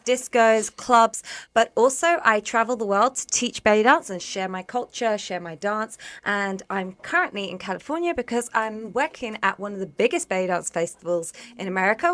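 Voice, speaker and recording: A woman's voice: medium pitch, a bit bright. A woman with an East End London accent, chatting casually as an interview guest and laughing easily. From England. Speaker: interview guest, belly dancer.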